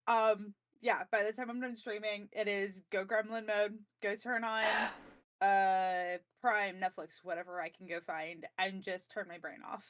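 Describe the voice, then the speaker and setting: A woman's voice: mid-range voice, steady tone, measured pace, fairly bright tone, dry recording. A woman streamer in a casual podcast chat, blunt and self-mocking.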